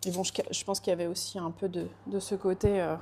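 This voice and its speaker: Hesitant woman pastry chef, mellow voice. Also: lowish voice, flat delivery, fast, slight background noise. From France. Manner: hesitant, many fillers and restarts. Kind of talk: casual conversation.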